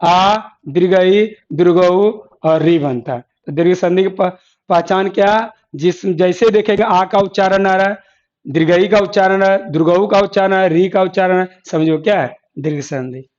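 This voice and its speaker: A man's voice: high-pitched, normal speed, a little mellow. A man teaching an exam-prep lesson who keeps asking the class questions, answering them himself, and repeating key terms. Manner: repetitive, asks and answers own questions. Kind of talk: classroom lecture with board examples. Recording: dull lo-fi classroom recording.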